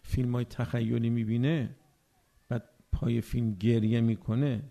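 A man preaching a religious sermon, animated and rhetorical, often asking his listeners whether they agree. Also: mid-range voice, vocal fry. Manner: animated, acts out everyday speakers.

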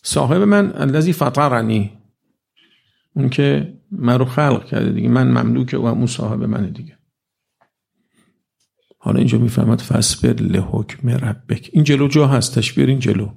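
A man giving a conversational religious lecture to a live audience, reciting verses slowly and often asking "right?". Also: medium pitch, gravelly, a little mellow, slightly rough.

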